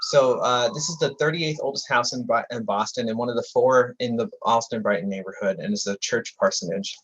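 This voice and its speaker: Presenting a book on historic buildings, a lecturer gives a history talk with slides in a husky, medium-pitched voice at a fairly quick pace. He reads from a script with frequent slips and self-corrections. Passing sirens cut into the slightly muffled, dull recording, and he occasionally speaks over them.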